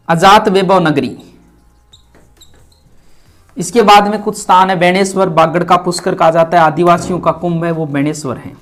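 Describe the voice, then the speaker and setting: A man's voice: fairly high pitch, fairly bright tone. Male exam coach, emphatic lecturing, faint music behind. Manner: explains with memory tricks, stresses key words. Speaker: teacher.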